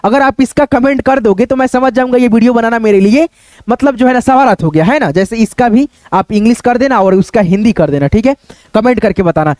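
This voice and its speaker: A man with a very high voice walks viewers through spelling one letter at a time. He talks patiently, repeats himself often and keeps calling them friends. The sound is dry and close, with no room echo. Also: fairly quick, a little mellow. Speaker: English teacher. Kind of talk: online spelling lesson.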